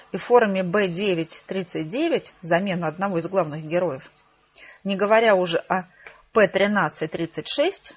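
A woman with a husky voice narrating a first-person audiobook in a dry, wry manner. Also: lowish voice. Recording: slightly dull lo-fi recording.

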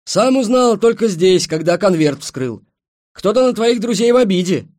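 A man voicing a gruff, plain-spoken middle-aged train driver in an audiobook. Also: mid-range voice, very animated, normal speed, fairly bright tone, dry recording, studio quality. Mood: defensive.

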